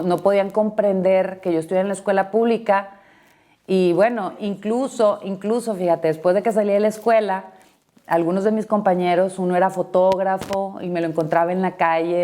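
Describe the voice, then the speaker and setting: A woman's voice: on the low side, mellow. A middle-aged woman from Mexico being interviewed, chatting through family stories with lots of "este" and "pues" fillers. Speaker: interviewee, former party leader. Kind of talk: casual interview storytelling. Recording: roomy echo, speaker far from mic.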